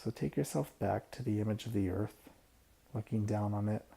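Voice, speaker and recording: Softly and without hurry, a man guides listeners through a meditation built on imagery, pausing between each phrase. His pitch is fairly low, with a creaky quality and a breathy edge.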